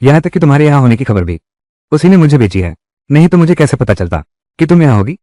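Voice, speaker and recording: A man's voice: medium pitch, very animated, fast, mellow, dry recording, natural voice. A man dubbing a worried young wife who distrusts her husband and fires off anxious questions. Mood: distrustful. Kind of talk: Hindi dub of a drama.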